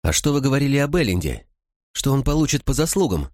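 A man voicing a wary, hurt young woman in an audiobook, talking softly and pleadingly. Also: mid-range voice, sing-song, fast, dry recording, clean studio sound, voice pushed up, close to an everyday voice. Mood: startled. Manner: soft, pleading.

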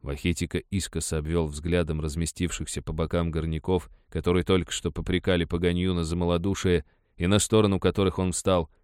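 A man with a low voice narrates an audiobook in a measured, vivid way. The recording is dry and close with no room sound. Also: little pitch movement, darkish tone, smooth, dry recording.

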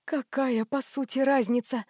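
A woman narrator voicing a terrified mother who pleads and sometimes sinks to a whisper. Her voice is fairly high, and the recording is close and dry, as in a storybook audiobook. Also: normal speed, no echo, lightly acted. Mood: fearful. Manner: fearful, pleading, often whispering. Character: frightened pleading mother, middle-aged.

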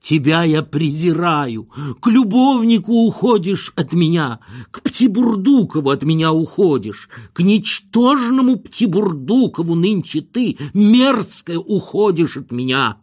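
A pompous, self-pitying husband, voiced by a male audiobook reader, wails his lines in a slow, nasal drawl. Each overwrought plea is dragged out and declaimed like tragic verse, riding a raised pitch that swoops up and down. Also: lively intonation. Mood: whining tirade. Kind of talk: comic audiobook reading.

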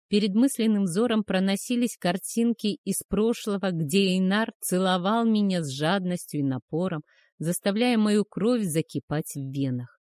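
Soft-voiced woman reading a romance. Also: mid-range voice, no echo, studio quality. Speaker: audiobook narrator. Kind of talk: first-person romance fantasy reading.

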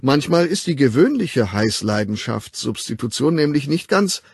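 A man's voice: medium pitch, big pitch swings, moderate pace, husky, no echo, studio quality, pitched above the performer's own voice. A man doing a breezy, coaxing young man. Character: cheerful, pushy young male colleague. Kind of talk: audiobook character voice.

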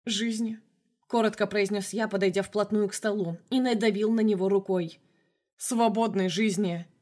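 Cold young avenger, calm and icy, slow words, woman's own voice. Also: mid-range voice, natural voice. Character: young male mage hero, cold, vengeful.

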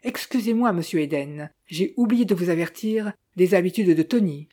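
A wealthy old man speaks in curt, commanding orders, as a woman narrator reads him. His voice stays mellow and soft-edged. It is an audiobook reading. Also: fairly low pitch, moderate pace, close to an everyday voice. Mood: brusque. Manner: brusque, commanding.

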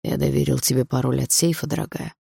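A woman's voice: a bass voice, steady tone, fast talker, gravelly, dark tone, breathy edge, no room sound, clean studio sound, full character voice. A woman reading an audiobook, voicing a smug, possessive adult man who taunts coldly and sneers. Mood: smug menacing.

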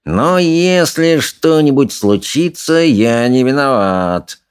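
A man's voice: mid-range voice, expressive, takes it slowly, smooth, voice pushed up. A man reading an audiobook, voicing a treacherous, scheming male villain who fawns and hisses through his teeth. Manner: hissing through clenched teeth, shrieks when angry.

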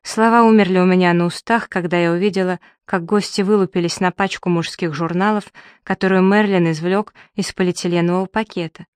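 A woman narrating a novel in the first person, with even, wry storytelling. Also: on the low side, a little fast, few pauses, smooth, dry recording, studio quality. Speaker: audiobook reader.

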